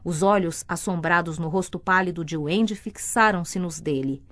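A woman from Brazil reading a novel aloud as an audiobook narrator, steady and measured. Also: on the low side. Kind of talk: scripted narration.

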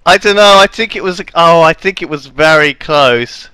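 A man's voice: fairly high pitch, moderate pace, noisy background. A British man giving casual, comic gameplay commentary as he chats with a friend. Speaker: gaming video host.

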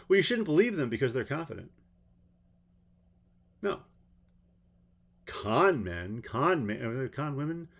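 A man giving a rambling spoken commentary on a court case, blunt and sarcastic, with exasperated asides. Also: mid-range voice. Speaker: trial commentator.

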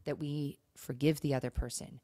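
With a low, dark voice and a flat delivery at a moderate pace, a woman co-hosts a casual podcast conversation on marriage and faith, speaking earnestly with emphatic points and rhetorical questions. There's no echo on the recording.

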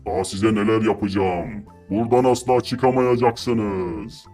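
A man's voice: lowish voice, fairly even intonation, unhurried, darkish tone, faint music behind. Man doing a gloating sea-monster villain. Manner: taunting, cackling villain. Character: gloating sea creature, male, menacing.

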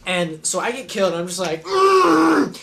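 A man's voice: high-pitched, fast talker, crowd noise. A young man co-hosting a podcast, telling rambling stories with frequent laughter and casual swearing. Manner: rambling, laughing storyteller who swears freely. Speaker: podcast co-host. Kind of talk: casual chat, storytelling.

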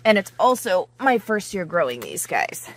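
A woman's voice: on the low side, very animated, normal speed. A woman in her forties walks through her vegetable garden outdoors, chatting eagerly to her viewers. She records herself on a phone held at arm's length. Her talk is casual and friendly, the way a homesteading vlogger talks. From Pacific Northwest, US. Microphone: handheld phone at arm's length.

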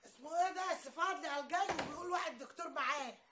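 Woman playing a gossipy housemaid, Egyptian accent, very high voice, very fast talk. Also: heavy background noise, close to an everyday voice. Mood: excited. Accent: Egyptian Arabic. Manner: gossipy, excitable. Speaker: household maid. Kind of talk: TV drama acting.

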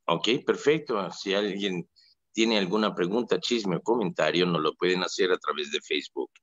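Deep-voiced priest talking on radio. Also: male voice, fairly bright tone, no echo, lo-fi sound. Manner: anecdotal, folksy, pauses with fillers. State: ill, in constant pain. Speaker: priest hosting a radio call-in show. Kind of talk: casual spoken reflection on a radio show.

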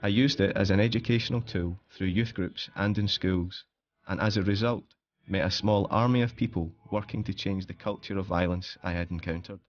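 A man's voice: sits low, steady tone, moderate pace, hardly any pauses, lo-fi sound. A man reading scripted, first-person documentary narration as the film's maker.

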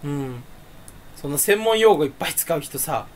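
Casual solo chatter, male, rambling and self-deprecating, pitch leaps all over. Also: lively intonation, normal speed. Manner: rambling, self-mocking, swings pitch up suddenly. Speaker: streamer.

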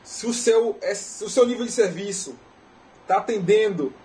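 A man with a Brazilian Portuguese accent giving a technical lecture in a relaxed, conversational way, often tagging questions onto his sentences. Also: sits high, normal speed, slight background noise, poor audio. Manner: conversational, often tags "né?" and restarts phrases. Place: conference lecture hall.

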